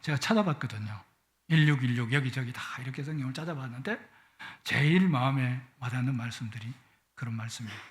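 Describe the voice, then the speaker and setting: A man's voice: medium pitch, fast. A middle-aged man preaching a Sunday sermon in a church, with a playful manner that swells with emotion. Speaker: guest pastor. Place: church sanctuary.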